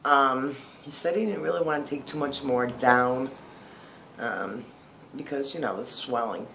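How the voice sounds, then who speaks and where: A man in a casual video diary, talking in a chatty, rambling way full of ums. His words come out slightly slurred, with lisping s's from newly fitted dentures. His voice sits at an ordinary middle pitch, with a faint hiss of noise behind him. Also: measured pace, creaky, bright, forceful tone. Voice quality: slightly slurred, lispy speech from new dentures. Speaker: vlogger.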